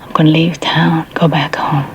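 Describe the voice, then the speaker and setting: TV police drama: actress as firm female sergeant, deep for a woman, soft probing questions, slight noise behind. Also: level tone, normal speed, lightly acted. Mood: concerned, probing. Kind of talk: naturalistic TV police drama acting.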